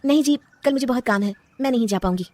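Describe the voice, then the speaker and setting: A woman's voice: fairly high pitch, quick pace, darkish tone, no room sound, pitched above the performer's own voice, close to an everyday voice. A woman voicing a young unhappy wife who longs to paint, with curt, sulky replies. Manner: sulky and curt, then tearful.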